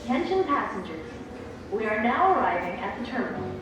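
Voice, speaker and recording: A woman making a formal passenger announcement on a ferry, heard over the ship's loudspeaker. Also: on the high side, sing-song, fairly quick, music in the background. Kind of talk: public address announcement. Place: aboard a ferry. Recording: echoey loudspeaker caught from far off.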